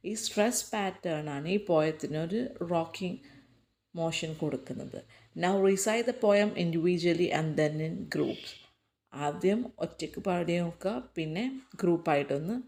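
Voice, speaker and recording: Slow-reading Malayali woman teacher. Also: fairly low pitch, a little mellow. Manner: reads English slowly and deliberately, then explains quickly. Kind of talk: textbook lesson, reading English then explaining in Malayalam.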